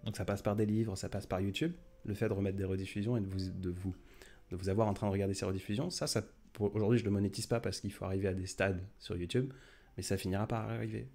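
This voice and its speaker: A man's voice: fairly low pitch, steady tone, quick pace, dark tone. A man hosting a casual late-night live stream, chatting in a rambling way with many fillers and restarts.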